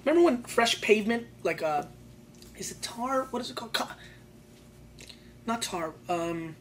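A woman's voice: on the high side, expressive, normal speed. Woman giving casual wine tasting notes, noisy recording. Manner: emphatic, colloquial, repeats phrases for emphasis. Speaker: wine show host.

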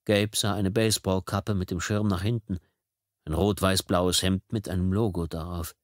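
A man with a fairly low voice reading a thriller audiobook with tense, dramatic storytelling. The studio microphone is close and the sound is dry, with no room to speak of. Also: fairly even intonation, normal speed, dry recording. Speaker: audiobook narrator. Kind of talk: scripted audiobook narration.

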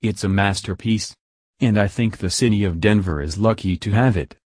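A man reading a news article aloud in an even, measured way, quotes read plainly. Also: lowish voice, no room sound, studio quality. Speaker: news reader.

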